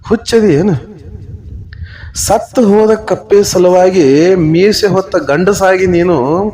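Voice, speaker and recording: A sharp-tongued village woman mocks and scolds without restraint, as a male storyteller puts her on. She speaks slowly in a fairly high voice. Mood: scolding.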